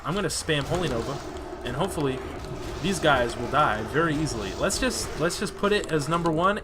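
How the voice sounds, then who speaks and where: A man's voice: on the high side, noisy background. A young man casually commenting on his gameplay, chatty and joking, swearing freely. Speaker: gaming host.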